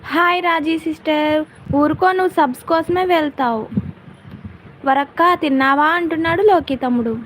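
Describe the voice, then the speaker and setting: A woman's voice: high voice, moderate pace, fairly bright tone, slight background noise. A woman hosting a casual live stream, chatting with viewers and answering their comments by name.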